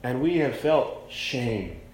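A man preaching a sermon at a pulpit microphone in a church, plainspoken and conversational, stressing words slowly for emphasis. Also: medium pitch, big pitch swings, a little mellow, slight background noise. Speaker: pastor. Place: church sanctuary. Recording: echoey church room.

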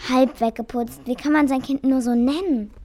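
A woman's voice: sits high, fairly even intonation, moderate pace, darkish tone. A woman voicing a naive, trusting little female mouse who asks eager, puzzled questions. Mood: puzzled, curious.

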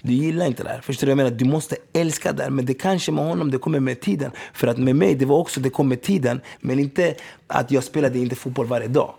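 A man in his thirties, a former pro footballer from Gothenburg, telling animated, slang-heavy stories in a casual podcast chat. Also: medium pitch, vocal fry, few pauses, breathy edge. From Gothenburg, Sweden. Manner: animated storytelling, slang-heavy, keeps asking if you follow.

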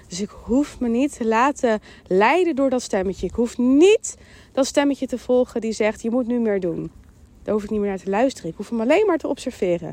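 Mellow-voiced Dutch woman, calm and emphatic. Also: on the high side. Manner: calm, emphatic, repeats phrases, voices her inner thoughts. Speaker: podcast host. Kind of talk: mindfulness monologue.

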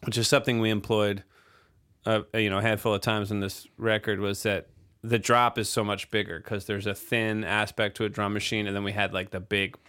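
On the low side and smooth, a man speaks fairly quickly, casually chatting as podcast co-host about recording a song. As the band's drummer, he rambles comfortably, leaning on fillers.

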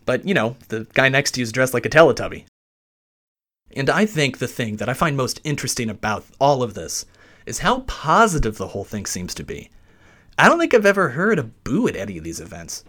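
A man hosting a podcast from inside a basement closet, narrating a scripted sports story in an animated storytelling way. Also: mid-range voice, brisk. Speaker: podcast host.

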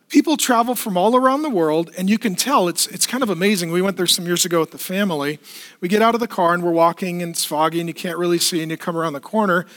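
A man with a fairly high voice preaches to his congregation in church. He keeps it lively, putting questions and quick asides to the people in front of him. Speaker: pastor. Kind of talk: sermon.

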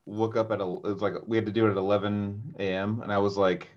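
A man in casual podcast chat, rambling and animated, swearing often. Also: fairly low pitch, fast talker, highs cut off. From Bay Area, California.

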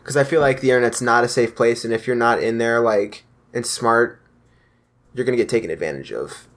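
A young adult man hosts a casual podcast, chatting loosely and rambling with lots of restarts. His voice is medium in pitch and his pace a little fast.

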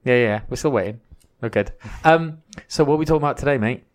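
Fast-talking Welsh podcast host. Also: male voice, medium pitch. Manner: chatty, jokey, restarts his sentences. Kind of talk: casual podcast chat.

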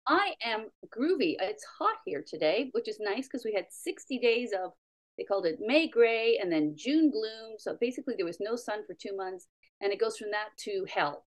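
Female comic guest, middle-aged, from Canada, average pitch, casual wry storytelling. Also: animated, normal speed. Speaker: comedian guest. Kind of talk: casual anecdote telling.

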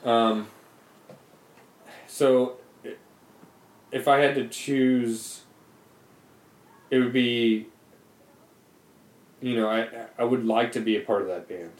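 A man's voice: mid-range voice, steady tone, slow pace, pauses often. A young man in casual chat on a podcast, hesitant and stammering as he starts his sentences. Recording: roomy echo.

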